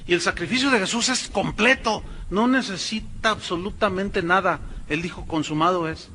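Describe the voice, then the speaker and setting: Forceful high-voiced preacher. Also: male voice, slight background noise. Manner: emphatic, addresses congregation directly, sarcastic asides. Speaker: pastor. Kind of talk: preaching a sermon.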